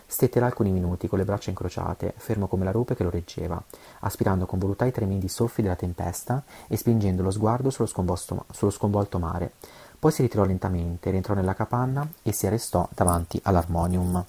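Fast, low-voiced man reading a novel. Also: gravelly, mellow, breathy edge. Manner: occasional stumbles and self-corrections. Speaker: audiobook reader.

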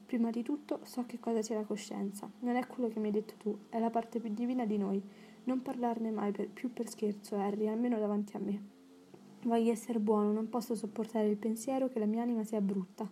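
A woman reading an audiobook, voicing an earnest, emotional, impulsive young English gentleman. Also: a little high, flat delivery, a little fast, a little hiss or hum, natural voice.

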